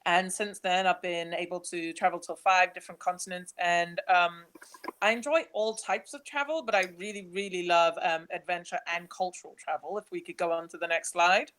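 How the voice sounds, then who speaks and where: A young woman from Nigeria, speaking, gives a chatty, animated webinar talk about her travels while slides are changed. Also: on the low side, moderate pace. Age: young adult. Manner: chatty, animated, laughs easily.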